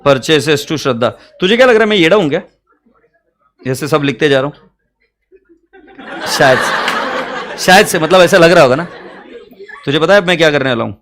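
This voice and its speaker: A man's voice: fairly high pitch, expressive, normal speed, pauses often, a bit bright, a little hiss or hum. A man teaching accounts in a joking, teasing lecture, humming little sound effects as he works. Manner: teasing, playful, hums sound effects while working.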